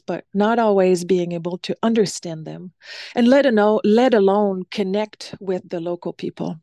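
A stage performer from Quebec City, Canada, whose first language is French, answers interview questions as a guest. Her voice is mellow and on the low side, recorded dry with no echo, and she speaks thoughtfully with frequent ums and light laughs.

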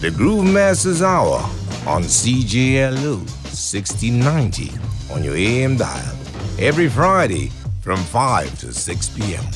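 A man delivers an AM radio promo in a deep voice. His pitch moves in big swings at an unhurried pace. Music plays behind him. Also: huge pitch swings. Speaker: radio station promo announcer.

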